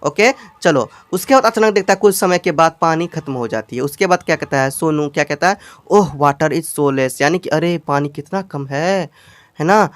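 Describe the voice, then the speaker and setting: Hindi-accented male english teacher, smooth voice. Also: a little high, animated, dry recording. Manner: explains slowly, repeats lines, asks students questions; reads English lines very slowly, word by word. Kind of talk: bilingual English lesson reading a storybook.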